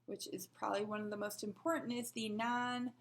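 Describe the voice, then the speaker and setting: A woman's voice: mid-range voice, level tone, quick pace. A woman teaching a sign language lesson, patiently explaining and asking rhetorical questions as she demonstrates.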